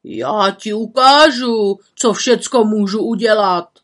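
A woman voicing a bossy, gruff male forester in a storybook reading, barking and scolding in a loud voice. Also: mid-range voice, expressive.

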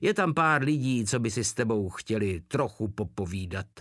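A man's voice: lowish voice, expressive, a bit bright, no room sound, studio quality. A man voicing a huge crude male soldier who mocks and swears with brutal cheer. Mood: mocking. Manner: coarse, mocking, swearing.

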